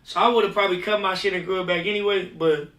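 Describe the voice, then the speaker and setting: Bright high-voiced man telling slangy stories. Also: steady tone, fast, far from the mic. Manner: loose slangy storyteller who acts out quoted voices. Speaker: guest, recording artist just out of jail. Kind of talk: casual podcast interview. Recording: roomy sound, voice set back from the mic.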